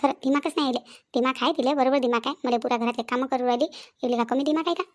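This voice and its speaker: A proud, sharp-tongued older village woman, as a woman puts her on for a cartoon. She speaks in a high, quick patter. She scolds and boasts without pausing. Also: steady tone, lightly acted. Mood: grumbling. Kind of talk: cartoon voice acting.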